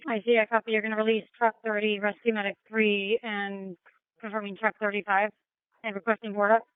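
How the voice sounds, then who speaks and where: A woman working as a fire dispatcher, briskly confirming and repeating back orders over a two-way radio. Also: medium pitch, little pitch movement, clear, resonant tone, dry recording. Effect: two-way radio transmission. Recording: tinny narrow-band radio audio.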